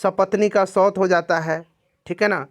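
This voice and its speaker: A man with a fairly high voice walks students through exam questions one at a time. He explains each answer patiently and keeps checking in with his listeners. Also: fairly even intonation, moderate pace. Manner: explanatory, repeats "ठीक है ना" to check in. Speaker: exam coaching teacher.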